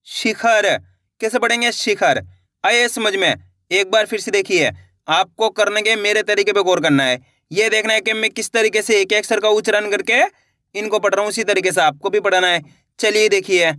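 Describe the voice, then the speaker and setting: A man teaching how to read words in a video lesson, sounding them out slowly syllable by syllable and then explaining to his viewers. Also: high voice, bright, forceful tone, no room sound, studio quality. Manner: slow syllable-by-syllable word reading, then explains to friends. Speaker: Hindi reading teacher.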